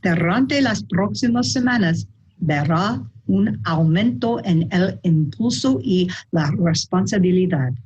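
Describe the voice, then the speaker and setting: A woman with an American accent in her Spanish reads a prepared welcome speech as a school principal. Her voice is husky and a little low. She goes slowly and carefully, halting now and then as a native English speaker working in a second language. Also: animated, darkish tone, muffled recording.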